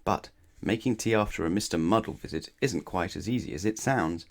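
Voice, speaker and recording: Reading a children's bedtime tale as narrator, a man uses a low, creaky voice. His telling is expressive, full of dramatic pauses and questions for the listener.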